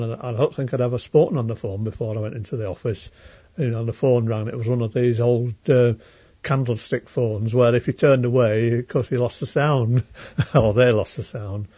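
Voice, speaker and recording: An elderly man in his eighties from Leeds, England, a retired railway worker, reminisces in an unscripted oral history interview with a Yorkshire accent. His medium-pitched voice is mellow and slightly rough, and he talks plainly. The dry recording sounds dull and lo-fi.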